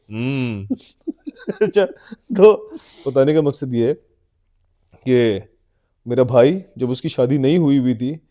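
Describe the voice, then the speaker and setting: A man trading stories with an old friend on a podcast, animated and fond of a good tale. His voice is a touch high yet mellow and soft. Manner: animated storyteller, chuckles often. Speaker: podcast co-host. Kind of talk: casual chat between old friends.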